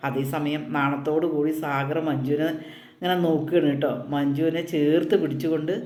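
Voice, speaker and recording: A man's voice: on the high side, flat delivery, a little fast, darkish tone. A man casually retelling an upcoming soap opera episode, quoting the characters' lines as he goes. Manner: retells scenes with quoted dialogue, frequent tag "കേട്ടോ". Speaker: serial episode recap narrator. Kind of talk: casual spoken plot preview. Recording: echoey room.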